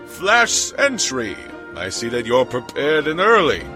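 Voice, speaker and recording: A man's voice: mid-range voice, wildly swooping pitch, unhurried, over music. A man voicing a confident, suave pony guard captain with a drawling, authoritative manner in a fan fiction reading. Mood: wry, commanding.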